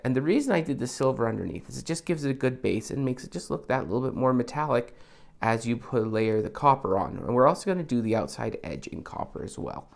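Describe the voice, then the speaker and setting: A man with a gravelly voice walks viewers through a hands-on prop build, chatting casually as he works. His pitch swings widely, and he wanders off into friendly asides. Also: lively intonation, quick pace. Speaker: prop maker. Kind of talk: casual DIY tutorial.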